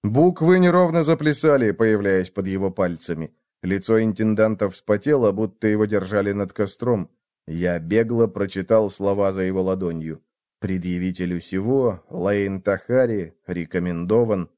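A man narrating a first-person fantasy story in an expressive, dramatic reading. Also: lowish voice, moderate pace, clear, resonant tone. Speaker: audiobook narrator.

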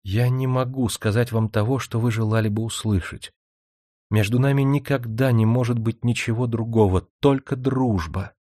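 A man voicing a soft, reserved young woman. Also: medium pitch, moderate pace, dry recording, studio quality, close to an everyday voice. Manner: soft, hesitant, quietly earnest. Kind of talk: audiobook character reading.

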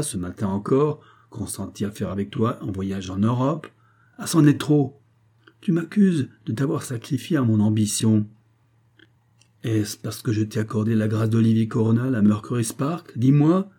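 A man's voice: medium pitch, breathy edge, natural voice. A man voicing a domineering billionaire father. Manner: forceful, reproachful, rising to emphatic outbursts. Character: domineering middle-aged billionaire father, exalted. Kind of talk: audiobook character reading.

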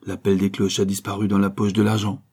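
A man's voice: on the low side, completely flat delivery, fast, vocal fry, a little mellow, husky. Man playing an eager, proud young writer. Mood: insistent.

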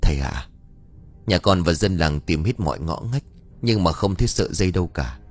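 A man's voice: low-pitched, lively intonation, brisk, husky, exaggerated voice. A man voicing a weary young village woman speaking humbly to a shaman. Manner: humble, deferential.

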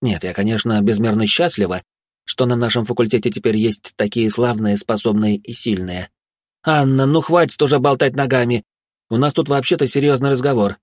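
An exasperated young woman head of students begs her friends to behave, voiced by a man reading a storybook. The voice sits higher than his own and pleads. The recording is dry and close. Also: brisk, dry recording, lightly acted. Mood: pleading. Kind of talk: audiobook character voice.

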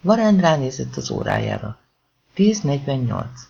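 A male audiobook narrator with a measured reading style. His voice is gravelly and moves around a lot in pitch. The recording sounds a little dull. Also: wildly swooping pitch, darkish tone.

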